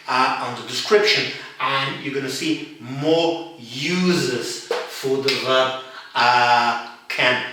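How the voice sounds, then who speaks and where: Slow, deliberate man teaching in an echoey room. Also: mid-range voice, sharp tone, distant mic. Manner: slow, deliberate, repeats examples. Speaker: English teacher. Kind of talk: grammar lesson.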